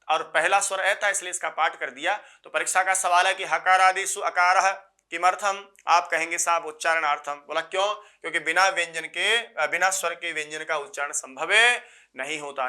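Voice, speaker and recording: Bright-voiced male Sanskrit teacher lecturing. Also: fairly high pitch. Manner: repeats key phrases slowly, asks students rhetorical questions; recites Sanskrit rules in a measured chant. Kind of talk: exam-prep grammar lecture.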